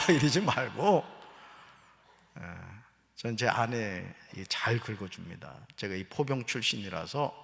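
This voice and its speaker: A man's voice: fairly low pitch, vocal fry. A middle-aged man preaching a sermon as pastor, joking with the congregation and then turning earnest. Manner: humorous, animated preaching with jokes and quoted voices. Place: church sanctuary. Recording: church hall reverb.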